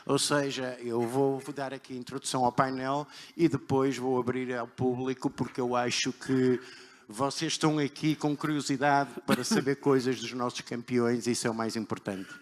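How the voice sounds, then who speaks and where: A man's voice: mid-range voice, fairly even intonation, moderate pace. A man with a European Portuguese accent presenting live on stage as a panel host. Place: large hall stage before an audience. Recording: echoey hall PA, faint audience.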